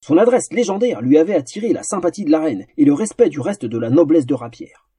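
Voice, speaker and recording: A man narrating a fantasy story in a theatrical, animated audiobook style. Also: fairly high pitch, quick pace, husky, no echo.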